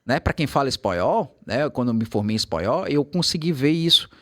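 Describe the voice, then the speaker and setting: A man's voice: mid-range voice, fairly quick. A man with a Brazilian Portuguese accent, an English teacher telling stories in casual chat and slipping into quoted English. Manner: animated storytelling, switching into quoted English.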